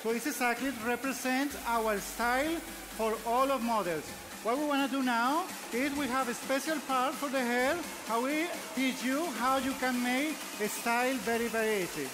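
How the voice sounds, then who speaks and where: A man's voice: very high-pitched, moderate pace, background noise. A man with a Venezuelan Spanish accent, whose first language is Spanish, demonstrating hairstyling live on a trade show stage in simple, repetitive English. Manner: simple broken English, repeats "very easy". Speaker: hair stylist demonstrator. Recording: loud background music over PA.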